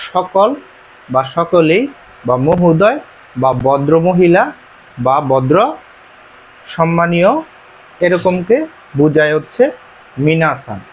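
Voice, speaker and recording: A man teaching a beginner language lesson, explaining slowly and repeating himself, with frequent "ah" fillers. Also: on the high side. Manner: slow, repetitive explaining with many pauses and "ah" fillers. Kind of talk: classroom-style lesson. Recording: dull, muffled recording.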